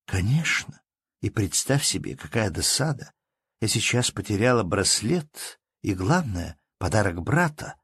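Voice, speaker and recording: An elegant young baroness chatters breezily and willfully, as a male reader puts her on. Her voice rises and dips with lively swings. The recording is dry and close. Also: medium pitch, breathy edge, no room sound. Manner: brisk, playful chatter.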